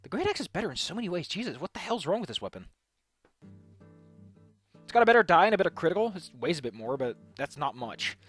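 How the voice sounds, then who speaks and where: A man casually commentating as he builds a tabletop game character, playful and thinking out loud. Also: high voice, big pitch swings, fast, pauses often, slightly rough, soft background music. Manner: playful, thinking aloud, mild swearing.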